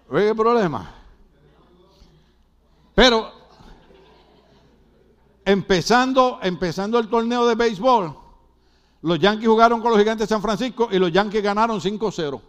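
A man preaching a sermon, joking with the congregation and breaking into shouts. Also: high voice, big pitch swings, slow, long pauses.

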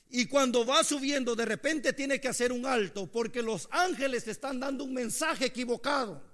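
A man preaching a sermon, moving between hushed storytelling and impassioned shouting. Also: very high voice.

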